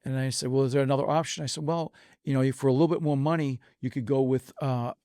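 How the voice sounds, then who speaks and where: A man in his forties chats as a podcast guest, spinning shop stories and mimicking his customers. His voice sits in a middle pitch. It is recorded close and dry, with no room sound. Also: steady tone, fast, dark tone, dry recording. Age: 40s. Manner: storytelling, acts out customer dialogue. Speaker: podcast guest, flooring contractor. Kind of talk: casual podcast chat.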